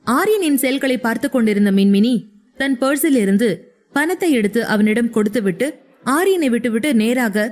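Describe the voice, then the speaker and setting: A woman narrating a scripted audio story in a steady, even reading voice. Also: fairly high pitch, moderate pace.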